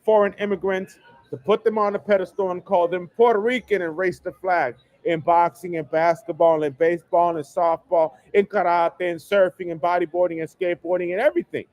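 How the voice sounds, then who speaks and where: A high-voiced man hosts a solo livestream from a home setup in New York, launching into an emphatic, repetitive rant that keeps pounding the same phrases. His tone stays steady and his pace is fairly quick. The recording lacks room sound and comes across as muffled.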